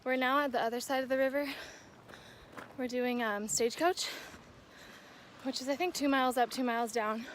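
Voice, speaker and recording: A woman's voice: high-pitched, normal speed, slight background noise. A young American woman chatting casually and informally for a trail vlog, recorded outdoors on the move. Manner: chatty, informal, breaking off to talk to her dog. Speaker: vlogger.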